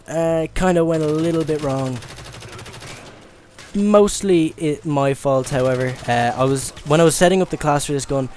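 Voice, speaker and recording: A man's voice: medium pitch, a little mellow, slight background noise. A young man from Ireland giving casual commentary over gameplay, rambling and stammering with lots of fillers. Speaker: gaming commentator.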